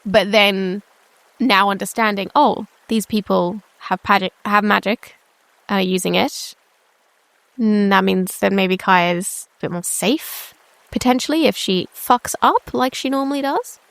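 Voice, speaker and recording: A woman's voice: mid-range voice, a little slow, vocal fry, fairly bright tone, dry recording. A woman with a slightly nasal voice, chatting animatedly as a player in a tabletop game. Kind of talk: tabletop role-play.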